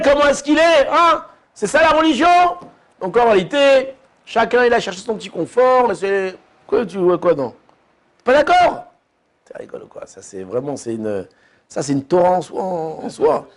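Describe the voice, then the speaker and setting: Rabbi guy teaching a class, chatty, keeps asking the room questions, high voice. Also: a little mellow. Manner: chatty, asks listeners questions, lots of restarts. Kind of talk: informal Torah lesson.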